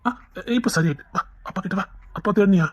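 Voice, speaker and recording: A woman acting out a family serial, moving between brotherly scolding and tender coaxing in a husky voice. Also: medium pitch, quick pace. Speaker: storyteller voicing a whole family.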